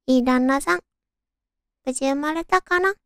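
A woman's voice: high voice, normal speed, fairly bright tone, no echo, clean studio sound. A woman hosting a casual solo radio show, with a naturally cute, girlish anime-like voice and a chatty way of talking. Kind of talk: casual solo radio talk with read-out listener stories.

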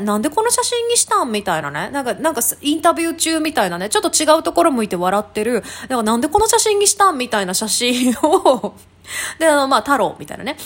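A woman's voice: sits high, a bit bright. A woman in her thirties, hosting a casual talk show and telling a funny story with many fillers and laughs. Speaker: podcast host. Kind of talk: casual chat.

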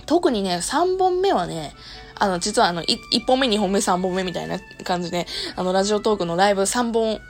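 A woman with a Kansai accent and a hoarse, worn-out voice, chatting casually to listeners as a show host and often laughing. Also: mid-range voice, animated, brisk, soft background music. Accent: Kansai Japanese. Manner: laughs often while talking. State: hoarse, worn voice after long streaming. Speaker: host of an audio talk show and live streamer. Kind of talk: casual solo talk to listeners.

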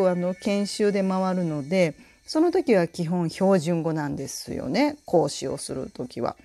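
A Japanese woman from Tokushima, who hosts a podcast and heads a color school, chats through her own casual solo radio talk in a fairly low voice. Her accent blends Tokushima and Kansai speech, and she is animated and laughs often.

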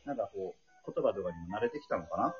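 A man hosts a casual chat, his voice moving lively up and down as he draws out his guests. He laughs easily, and the recording is somewhat dull and muffled. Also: on the low side, fast talker. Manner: friendly interviewer, laughs easily. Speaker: host.

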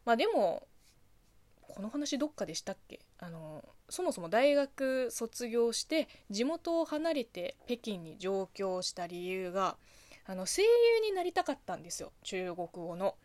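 A woman from China speaking Japanese with a Chinese accent, hosting a solo radio talk show, reading listener letters and answering them in a chatty, animated way full of fillers. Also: mid-range voice, a little slow, dry recording. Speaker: host.

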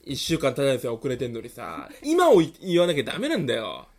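A man co-hosting a casual talk show, firing off brash, mock-indignant retorts in quick banter, just back from a cold. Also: mid-range voice, wildly swooping pitch. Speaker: podcast co-host.

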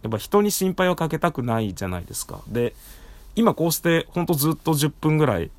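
A man with a hoarse, worn-out throat chatting casually on his own as a podcast host, speaking slightly muffled through a face mask. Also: a little high, lively intonation, quick pace, no room sound. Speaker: podcast host and live streamer. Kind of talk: casual solo talk. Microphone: recorded through a face mask.

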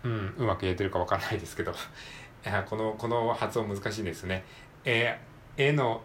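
Man, lower register, casual self-study drill, repeats words slowly with fillers. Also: a bit bright, a little hiss or hum. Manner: thinks aloud with many fillers. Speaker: English learner practicing pronunciation. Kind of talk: casual solo reading-aloud practice.

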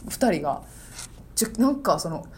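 A woman comedian from Kyoto with a Kyoto accent, chatting casually in an animated, emphatic way and often laughing. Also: on the low side, moderate pace. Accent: Kyoto dialect. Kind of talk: casual chat.

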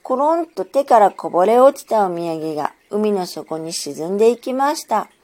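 A woman narrating a children's story in a gentle, measured storytelling manner. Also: mid-range voice, animated, a little hiss or hum.

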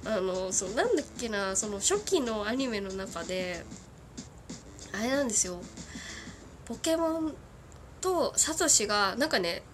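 A woman in her thirties hosts a casual solo radio chat in a mid-range, sing-song voice, speaking at a measured pace with frequent pauses. She's giggly and chatty, sniffling from a cold, and slips into cartoon character impressions.

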